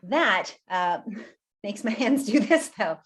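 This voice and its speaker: A woman giving a live online workshop over a video call, talking in a lively, conversational way while standing. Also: medium pitch, slow, breathy edge. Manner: lively and conversational, laughs often; talks while standing and gesturing. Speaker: workshop presenter.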